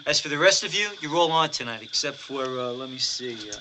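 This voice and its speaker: An actor playing a cheerful male camp staff leader who briskly hands out duties and jokes around. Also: mid-range voice, animated, noisy background, lightly acted. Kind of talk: 1980s film acting.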